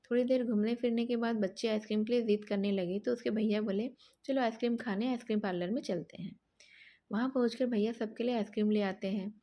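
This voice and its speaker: Mellow-voiced woman narrating a story. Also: fairly high pitch.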